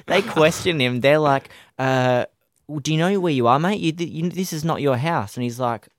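A man telling a story on a podcast, halting and laughing often. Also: on the high side, dry recording, clean studio sound. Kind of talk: casual anecdote.

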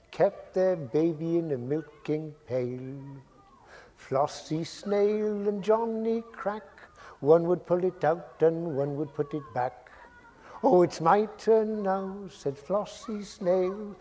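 An actor reciting a village nursery rhyme in a rhythmic, playful way. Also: male voice, on the high side, vocal fry, dark tone, heavily acted.

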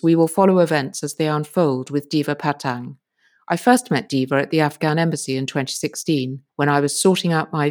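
A woman host giving scripted narration in a measured, serious way. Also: deep voice, darkish tone. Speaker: podcast host.

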